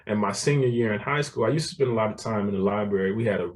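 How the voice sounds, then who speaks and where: A real estate developer appears as a guest in a casual interview, telling his story with frequent laughter and repeated words. His voice is on the low side, he talks fast, and he sounds far from the mic.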